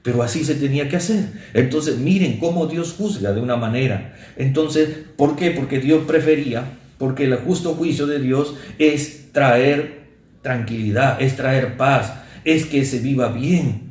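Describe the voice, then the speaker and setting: A man's voice: mid-range voice, unhurried, a little mellow, echoey room. A male pastor preaching an earnest sermon, often calling his listeners brother.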